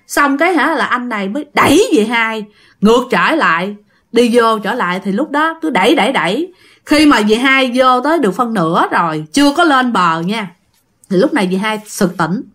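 A woman's voice: a little high, fairly bright tone. A woman telling a ghost story in a conversational way, speaking directly to her listeners.

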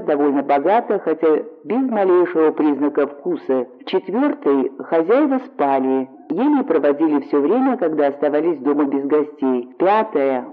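A man reading a story aloud in a steady, measured narration. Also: a little high. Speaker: audiobook reader. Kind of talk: scripted narration. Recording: narrow phone-like audio.

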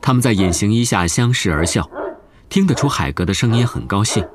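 Man, audiobook narrator, steady storytelling, lowish voice, faint noise. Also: fairly quick.

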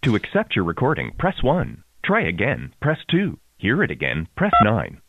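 A man's prerecorded voice on an automated phone menu, words spliced together so the pitch jumps between phrases. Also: huge pitch swings, normal speed. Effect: prerecorded phone prompts with spliced together words. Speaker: automated chat line prompt voice. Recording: tinny phone line.

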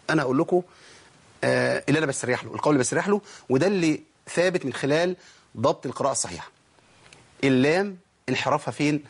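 Demonstrating every sound and asking his listeners questions, this Egyptian-accented man teaches tajweed as a Quran recitation teacher. His voice sits a little high and sounds slightly rough.

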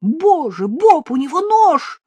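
A woman's voice: high voice, big pitch swings, takes it slowly, mellow, dry recording, pitched above the performer's own voice, full character voice. A woman voicing a frightened young woman in an audiobook, pleading and tearful. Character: frightened young woman looking for her lost dog.

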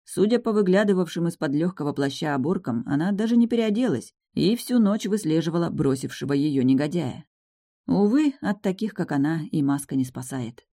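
An audiobook narrator reading a fantasy tale in the first person, in an ironic, even manner. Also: mid-range voice, brisk, dry recording, clean studio sound.

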